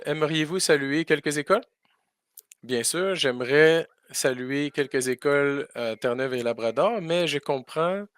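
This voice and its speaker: Hesitant male interpreter, smooth voice. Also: medium pitch, a bit bright, no room sound, clean studio sound. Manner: hesitant, many fillers and restarts. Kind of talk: live spoken interpretation.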